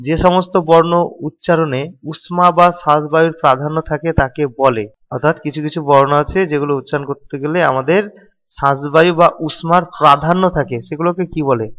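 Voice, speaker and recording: A man's voice: fairly high pitch, fairly bright tone, long reverb tail, muffled recording. A man teaching an exam-prep grammar lesson, explaining step by step and repeating key terms.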